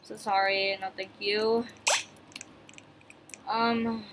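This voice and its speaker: A woman's voice: mid-range voice, little pitch movement, extremely slow, a bit bright, rough recording. A woman hosting her own gaming channel, rambling through casual gameplay commentary with many fillers and restarts while chatting straight to her viewers. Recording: clear background noise with clicks.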